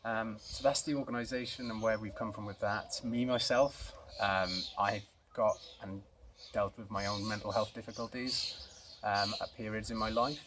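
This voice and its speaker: A man's voice: lowish voice, fairly even intonation, normal speed, noisy background. A man from Swansea with a South Welsh accent, introducing himself in a casual, unscripted and somewhat hesitant way. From Swansea, Wales. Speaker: co-founder of a youth mental health organisation, introducing himself.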